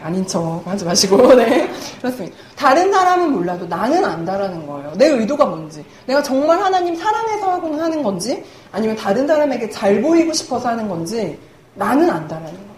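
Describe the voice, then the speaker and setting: Lively young woman preaching in an echoey hall. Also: fairly high pitch. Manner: chatty, self-mocking, laughs often while speaking. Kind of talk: humorous sermon. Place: church hall. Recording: echoey church hall, faint room noise.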